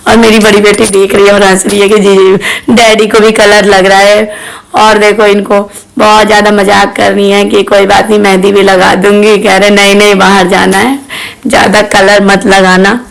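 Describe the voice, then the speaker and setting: A woman's voice: mid-range voice, flat delivery, moderate pace, vocal fry, low-quality recording. A woman in her thirties from Bihar, narrating her family vlog in a chatty way and speaking straight to her viewers. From Bihar, India. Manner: chatty, addressing viewers directly. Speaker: family vlogger.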